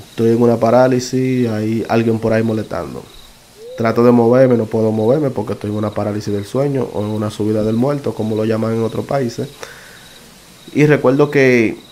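A man recounts his own experience in a relaxed, conversational way, pausing and correcting himself as he goes. His voice sits a little low and sounds soft and mellow. A faint noise stays in the background. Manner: halting, self-correcting, conversational. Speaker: podcast narrator. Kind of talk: casual first-person storytelling.

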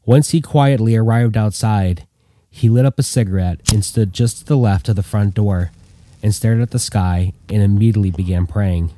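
Low, mellow male storyteller. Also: normal speed, no echo. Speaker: narrator. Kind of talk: storytelling reading.

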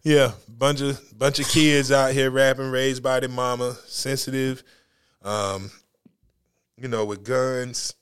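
A man's voice: medium pitch, little pitch movement, takes it slowly, clear, resonant tone. Laid-back male podcast host. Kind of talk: casual chat.

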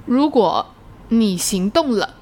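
A woman's voice: a little high, animated, takes it slowly, a little mellow. A woman hosting a casual conversational discussion, asking questions and dropping English words into her Mandarin.

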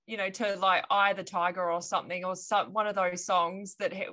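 A woman's voice: mid-range voice, level tone, normal speed, bright, forceful tone. A woman hosting a casual chat, loosely retelling a story with lots of fillers. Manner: loose, hedging, many fillers. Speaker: podcast host reading the story.

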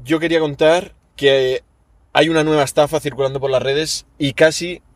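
A man's voice: fairly high pitch, normal speed, dry recording. A young man with a Spanish accent, a podcast host telling stories in casual chat with lots of slang. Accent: Spain Spanish. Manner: animated storytelling with slang.

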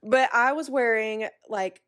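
A woman's voice: a little high, unhurried, fairly bright tone. A young woman with a Missouri accent, a podcast guest chatting casually. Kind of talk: casual chat.

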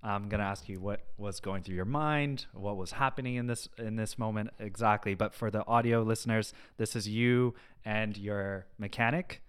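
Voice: medium pitch, fairly even intonation, moderate pace, few pauses, smooth. A podcast co-host in casual chat, playful and joking.

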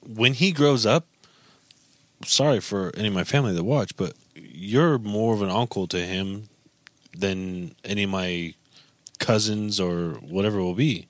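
A man's voice: fairly low pitch, normal speed, no echo. A man in his thirties chatting casually as a podcast co-host, in a slangy, profane, bro-like manner.

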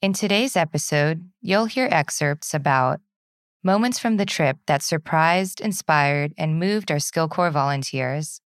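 A woman hosting a podcast, reading a scripted introduction in a measured, announcer-like way. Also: low-pitched, no room sound, clean studio sound. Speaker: podcast host.

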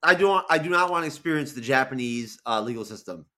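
A 41-year-old content creator from Florida joins a video call as a guest, chatting casually in an interview, rambling with many restarts and swearing easily. His medium-pitched voice is animated, quick, bright, and forceful.

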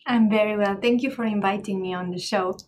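A woman in her forties speaks as a podcast guest. She explains her work thoughtfully, often pausing and restarting to find the right words. Faint background noise runs beneath her voice. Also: medium pitch, fairly even intonation, darkish tone. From Romania. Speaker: guest, psychologist and astrologer. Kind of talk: interview answers.

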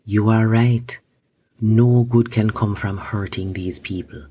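Guy doing a proud old chief in a kids' story, low husky voice, slow and bossy. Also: fairly even intonation, mellow. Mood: gentle.

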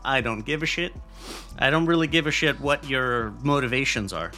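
American man, podcast host, bright edgy voice, casual news rant, swears bluntly, soft music behind. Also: mid-range voice, normal speed. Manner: blunt, profane, rambling with fillers. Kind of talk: casual solo news commentary.

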